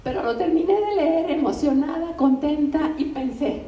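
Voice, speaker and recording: Older woman, translator giving a talk, animated storytelling, high-pitched, recorded from a distance in a roomy bookstore. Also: normal speed. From Mexico. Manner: animated, conversational storytelling with asides to the audience. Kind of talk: anecdotal public talk. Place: bookstore event room. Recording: roomy, distant, faint ambient noise.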